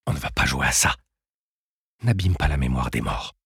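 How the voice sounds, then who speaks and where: A man's voice: a bass voice, expressive, moderate pace, creaky, fairly bright tone, breathy edge, dry recording, clean studio sound, voice pushed down, heavily acted. A man voicing a sardonic, blunt woman librarian in an audiobook, mocking and curt. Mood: stern.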